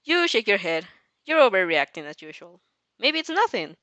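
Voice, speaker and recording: A woman with a mid-range voice reads fan fiction aloud at normal speed, her intonation lively and swinging, and she drifts between narration and casual reactions of her own. She's animated, breaking off to react and restarting sentences, and the sound is close, dry and echo-free.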